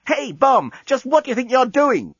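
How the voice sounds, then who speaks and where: A man's voice: sits high, very animated, fairly quick, a bit bright, breathy edge, dry recording, dull audio, voice pushed up, full character voice. A man voicing a young woman who talks urgently and anxiously. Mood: indignant. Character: panicky young woman on a spaceship.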